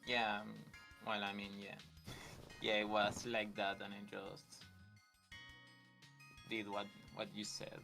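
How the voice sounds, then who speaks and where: A man in casual chat, speaking haltingly and often searching for his words. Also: fairly low pitch, completely flat delivery, vocal fry, over music. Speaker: co-streamer.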